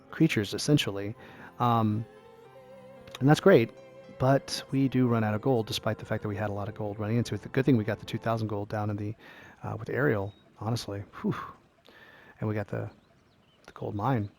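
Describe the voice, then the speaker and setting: A man calmly explaining a strategy game step by step as a tutorial host, drifting into rambling asides. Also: lowish voice, gravelly. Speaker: gaming YouTuber, tutorial host. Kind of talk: casual gameplay tutorial commentary.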